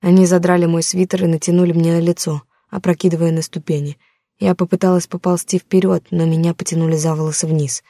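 A woman's voice: fairly low pitch, little pitch movement, fast talker, mellow, no echo. A woman narrating a first-person audiobook in a tense, dramatic storytelling manner, close to the mic.

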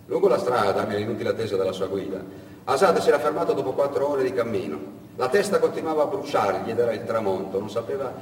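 A man's voice: mid-range voice, lively intonation, quick pace, a little hiss or hum. Male storyteller, dramatic, theatrical, distant mic, roomy echo. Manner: dramatic, varied delivery. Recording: echoey hall from far off.

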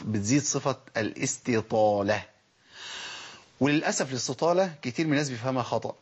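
A man's voice: medium pitch, husky. A man with an Egyptian accent teaching Quran recitation, asking rhetorical questions and sounding out letters. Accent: Egyptian Arabic. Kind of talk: spoken recitation lesson. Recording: dull lo-fi recording.

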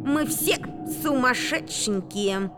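A woman's voice: high-pitched, animated, slow pace, background noise, pitched above the performer's own voice. A woman doing giddy mad talking cucumbers.

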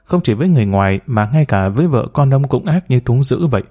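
A man's voice: medium pitch, expressive, fast talker, mellow, close to an everyday voice. A man voicing a timid, humble woman of about forty who speaks deferentially, hesitant and pleading. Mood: bitter.

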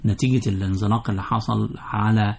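A man with an Egyptian accent, a surgeon answering callers' questions on radio in a calm, explanatory way. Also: on the low side, fast, gravelly, slight background noise. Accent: Egyptian Arabic. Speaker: orthopedic surgeon guest. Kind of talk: medical advice on radio.

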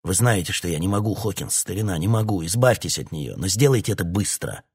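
A man reading an audiobook, voicing a stern, weary male officer who gives curt orders and shouts when pushed. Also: low voice, lively intonation, brisk, slightly rough, exaggerated voice. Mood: regretful.

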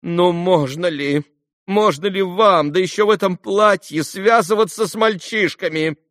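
A man doing a shrill, bossy teenage girl. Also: lively intonation, a bit bright, dry recording, studio quality. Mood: bossy eager. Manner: shrill, commanding, rapid outbursts. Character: teenage girl, sick, imperious and excitable. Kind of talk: audiobook character reading.

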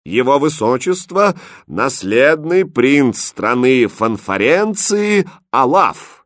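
A man voicing a solemn royal herald who makes slow, ceremonial proclamations in a storybook reading. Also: mid-range voice, very animated, fairly bright tone, no echo, clean studio sound, pitched above the performer's own voice.

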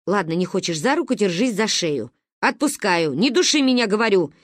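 A woman's voice: medium pitch, sing-song, brisk, no room sound, clean studio sound. A woman reading the part of an impatient father giving curt orders. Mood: bossy. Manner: brusque, commanding. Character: impatient, bossy father teaching swimming.

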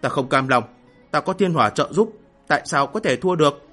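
A man's voice: fairly high pitch, expressive, fairly quick, fairly bright tone, faint music behind. A man voices a defiant young hero in a storybook audiobook. He mutters to himself in a gritted, stubborn way, close to the reader's own voice. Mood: strained. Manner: muttered inner cursing. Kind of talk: audiobook character voicing.

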